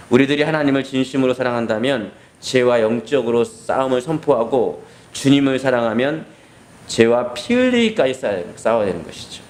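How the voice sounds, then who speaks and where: Male pastor, sermon, animated storytelling, mid-pitched voice, faint background noise. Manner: animated, conversational, earnest. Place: hospital basement room.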